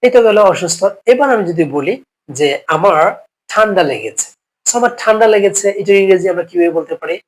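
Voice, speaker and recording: Male teacher with a cough, slightly high. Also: expressive, fairly quick, poor audio. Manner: explains step by step with many check-ins, repeating each phrase. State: sick with a cough. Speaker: English teacher. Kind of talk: spoken English lesson.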